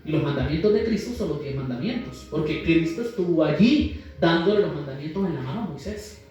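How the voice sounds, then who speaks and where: A man preaching a sermon in an animated way, acting out the voices of the people in his stories. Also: fairly high pitch, fairly quick, faint music behind. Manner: animated, acts out quoted voices. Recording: echoey hall, distant mic, faint noise.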